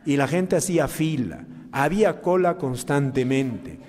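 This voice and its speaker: Preaching priest in a reverberant church. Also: male voice, lively intonation, measured pace. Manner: preaching with many rhetorical questions to the congregation; dramatic swings in loudness and pitch. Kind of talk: sermon. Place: church during mass.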